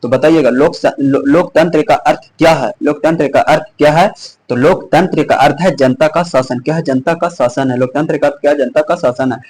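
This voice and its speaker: Hoarse man drilling exam questions. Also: on the high side, brisk, a little mellow, low-quality recording. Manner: repeats each question and answer, with many restarts. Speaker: teacher. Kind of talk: quiz-style exam revision lesson.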